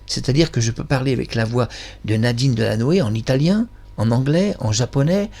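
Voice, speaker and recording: A man's voice: mid-range voice, brisk, vocal fry, dark tone. A man hosting his own channel, talking in a casual monologue that is effusive, rambling and self-praising. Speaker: channel host.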